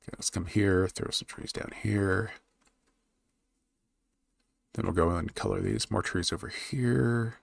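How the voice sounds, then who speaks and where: A man live-streaming while he draws a fantasy map, thinking aloud and chatting with his viewers in a relaxed, rambling way. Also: fairly low pitch, a little slow, creaky, pauses often. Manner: thinks aloud, muttering while he works, then perks up to talk to chat. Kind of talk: casual live-stream chat while working.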